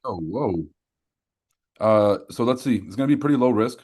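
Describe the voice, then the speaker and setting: Guy streaming casually, lowish voice, kinda mumbling to himself as he comments on trades. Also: lively intonation, normal speed, darkish tone, husky. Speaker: livestreaming trader.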